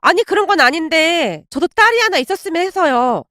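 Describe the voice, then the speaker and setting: A woman's voice: very high voice, lively intonation, fairly quick, bright, forceful tone, no echo, studio quality, heavily acted. Woman playing a pushy whiny daughter-in-law. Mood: wheedling. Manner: wheedling, pleading.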